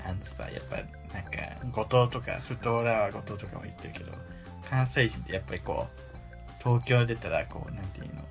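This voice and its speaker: A man's voice: lowish voice, lively intonation, fairly quick, vocal fry, over music. A man co-hosting a casual podcast chat, playful and teasing, laughing often. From island region of Japan. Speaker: podcast co-host.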